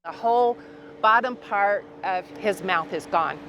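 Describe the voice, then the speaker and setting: A woman being interviewed about her brother, telling it slowly and earnestly. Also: medium pitch, music in the background. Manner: slow, earnest storytelling. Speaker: victim's sister, interviewee. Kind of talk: casual interview.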